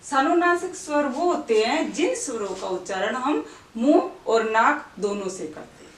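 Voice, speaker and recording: A woman teaching in a bright voice, in an echoing room. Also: fairly high pitch, animated, moderate pace, recorded from a distance, a little hiss or hum. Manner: explains step by step, asks questions and answers them, asks the listener to repeat words. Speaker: Hindi teacher. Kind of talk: classroom-style grammar lesson. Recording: echoey room, voice away from the mic.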